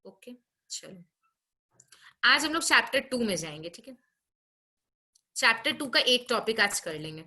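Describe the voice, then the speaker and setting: Bright-voiced woman teacher scolding online class. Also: on the high side, big pitch swings. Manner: scolding, brisk, frequent tag questions. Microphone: video call.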